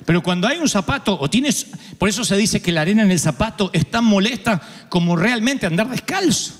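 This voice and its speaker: A man with an Argentine accent preaching a humorous sermon, acting out quoted voices and breaking into sudden shouts. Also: sits high, lively intonation, a little fast, long reverb tail. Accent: Argentine Spanish. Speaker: pastor.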